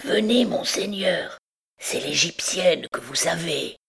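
A woman voicing a timid, devoted deaf hunchbacked bell-ringer who speaks slowly in a half-whisper, in a storybook reading. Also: fairly low pitch, lively intonation, vocal fry, breathy edge, heavily acted. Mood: urgent pleading. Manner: hushed, slow, half-whispered.

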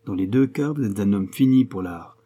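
A man's voice: on the low side, normal speed, dark tone, close to an everyday voice. A man reading aloud, voicing a sarcastic, worldly middle-aged writer who lectures in a mocking tone. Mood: lecturing.

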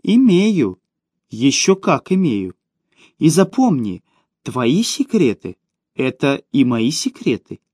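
A man's voice: medium pitch, very animated, takes it slowly, a little mellow, husky, no room sound, clean studio sound, full character voice. A man doing a cold, sneering schemer woman. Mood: purring. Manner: sneering, cutting. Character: cold, mocking, domineering woman, ruthless schemer. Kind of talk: audiobook character voice.

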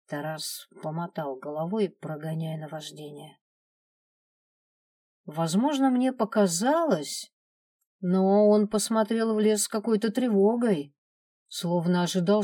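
A woman narrates a first-person audiobook in a calm, steady way. Her voice is low and mellow. It is recorded close and dry, with no room sound. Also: dry recording.

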